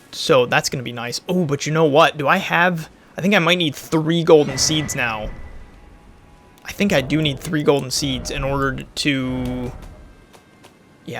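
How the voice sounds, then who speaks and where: A man's voice: fairly high pitch, vocal fry, fairly bright tone. A man giving casual let's-play commentary, chatty and rambling as he thinks aloud, his voice a little worn from talking so much. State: losing his voice a bit. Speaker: gaming YouTuber.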